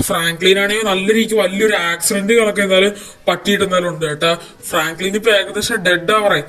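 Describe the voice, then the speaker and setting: Guy doing a young dude breaking bad news, high voice, talks fast and rambly. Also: steady tone, sharp tone, rough recording. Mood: urgent. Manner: rushed, urgent, rambling. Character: young man bringing urgent bad news. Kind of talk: amateur story voice acting.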